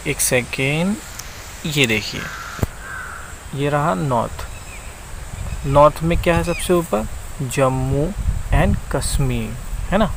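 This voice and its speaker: A man with a slightly high, gravelly voice walks through a map lesson at a slow, patient pace. He repeats himself and keeps checking in with the viewer. Insects and outdoor noise are clearly heard behind him. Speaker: teacher.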